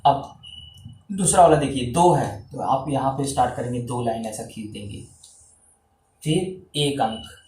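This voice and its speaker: A man's voice: medium pitch, a little slow, long pauses, mellow, roomy sound, a little hiss or hum, poor audio. A man teaching a maths lesson in Hindi, counting aloud step by step as he draws lines and encouraging the viewers.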